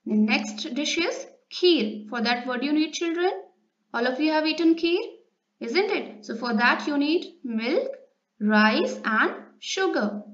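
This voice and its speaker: High-voiced Indian woman teaching, slow and echoey. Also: a bit bright. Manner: didactic, asking questions of children with tag questions. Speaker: school science teacher. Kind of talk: children's textbook lesson, reading aloud and explaining. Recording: roomy echo, dull lo-fi sound.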